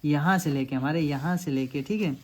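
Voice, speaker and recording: A man's voice: on the high side, normal speed, a little mellow. Male teacher explaining grammar quiz questions. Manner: explanatory, repeats checks like "samajh rahe hain aap". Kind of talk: lecture solving quiz questions.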